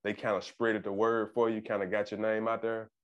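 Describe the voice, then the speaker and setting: A man interviewing a guest in a relaxed, casual way, often affirming and repeating himself. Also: lowish voice, brisk, clear, resonant tone, highs cut off. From Arkansas, US.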